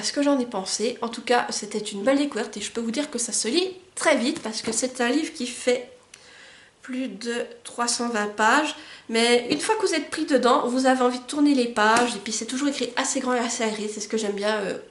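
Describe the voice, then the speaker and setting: A woman book vlogger chatting eagerly about new books and reading their back-cover summaries aloud. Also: on the high side. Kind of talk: casual book haul vlog. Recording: roomy echo.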